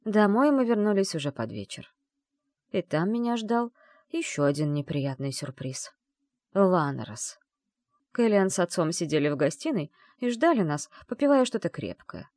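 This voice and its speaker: A woman narrating a first-person novel aloud in an expressive storytelling manner. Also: lowish voice, normal speed, no room sound, studio quality. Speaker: audiobook narrator.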